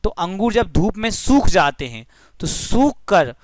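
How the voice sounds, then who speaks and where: A man's voice: high-pitched, sing-song, a little slow, no room sound, clean studio sound. A young man teaching a physics lesson through a story, friendly and explanatory, often addressing the listeners as friends.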